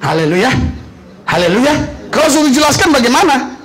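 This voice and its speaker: A middle-aged Indonesian male pastor with a notably high voice delivers a sermon. He is animated, tells stories by acting out questions and answers, and peppers his talk with hallelujahs. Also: normal speed. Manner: animated, acts out dialogue with questions, frequent hallelujahs. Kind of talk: sermon with storytelling.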